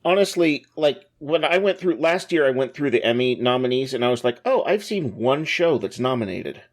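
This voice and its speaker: A man chatting on a podcast, cracking jokes and wandering through his thoughts. His voice moves up and down a lot, at a middle pitch. He sounds loose and conversational. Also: animated, moderate pace. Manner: jokey, rambling musings. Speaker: podcast co-host and contestant. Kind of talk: casual podcast chat.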